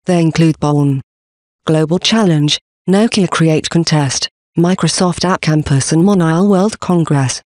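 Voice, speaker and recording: A man giving a scripted presentation for a company, reading slide contents and symbols aloud in a steady, even delivery. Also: on the high side, measured pace, dry recording, studio quality.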